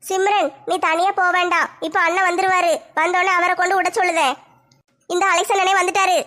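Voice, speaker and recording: A woman's voice: extremely high pitch, little pitch movement, brisk, pushed and bright. A woman playing a protective, fussing big-sister neighbour.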